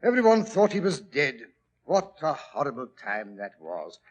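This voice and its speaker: An actor playing a genial, chatty English doctor telling old detective adventures in 1940s radio drama style. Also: male voice, mid-range voice, normal speed, lo-fi sound. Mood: reminiscing. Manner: chatty, old-fashioned gentlemanly, expressive.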